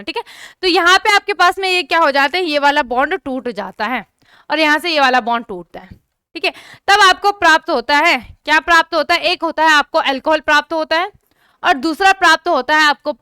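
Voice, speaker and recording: In a very high, bright voice, a young woman teaches chemistry online, repeatedly checking that her students are keeping up and inviting them to comment. The audio is close and dry, with no echo.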